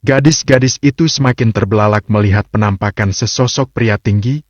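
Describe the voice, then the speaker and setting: A man narrating a novel in a steady, even reading voice. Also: lowish voice, fairly quick, dry recording. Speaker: audiobook narrator. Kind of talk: storybook narration. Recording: dull lo-fi dry recording.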